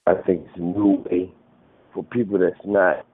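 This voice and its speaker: Man, low voice, rambling, crackly cordless phone cutting in and out, tinny and dry. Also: flat delivery, normal speed, slightly rough, no echo. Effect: crackly phone line cutting in and out. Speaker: radio show guest calling in. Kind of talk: casual radio talk.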